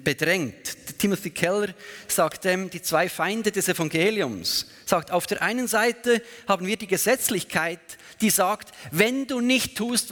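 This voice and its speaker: High-voiced earnest preacher in a hall. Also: male voice, a bit bright. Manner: earnest, emphatic, asks rhetorical questions. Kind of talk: sermon. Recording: long hall reverb.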